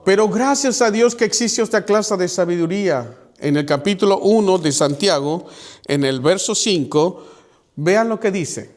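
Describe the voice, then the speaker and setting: Man, pastor, preaching a sermon, high voice, acts out quotes, small church. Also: animated, a little slow.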